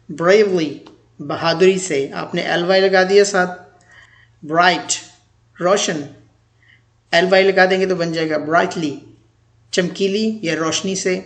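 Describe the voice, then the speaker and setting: Male grammar teacher, high gravelly voice, slow deliberate drills. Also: a bit bright. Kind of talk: grammar lecture.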